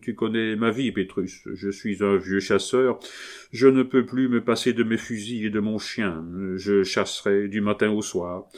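A man reading aloud voices a kindly, gruff captain in his late fifties, an old hunter who talks to his son in an earnest, fatherly way. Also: fairly low pitch, fairly even intonation, measured pace, natural voice. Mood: explaining. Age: 50s.

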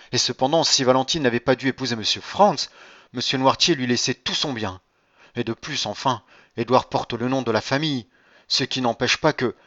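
A man's voice: mid-range voice, bright, forceful tone, dry recording, highs cut off, voice pushed up, natural voice. A man voicing a scheming aristocratic wife in an audiobook reading, plaintive and insistent. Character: scheming aristocratic wife, middle-aged woman.

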